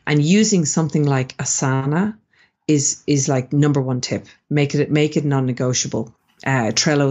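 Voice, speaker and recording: Irish woman on a podcast, low husky voice, chatty and upbeat. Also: darkish tone, highs cut off. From Ireland. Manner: upbeat, conversational, gives practical tips. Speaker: guest, business founder. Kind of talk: podcast interview.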